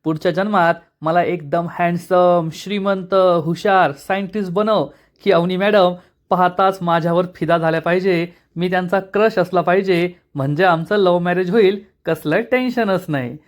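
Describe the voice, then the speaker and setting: A man's voice: sits high, fairly even intonation, normal speed, close to an everyday voice. Humble, coaxing young husband, read by a man. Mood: pleading. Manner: polite, coaxing.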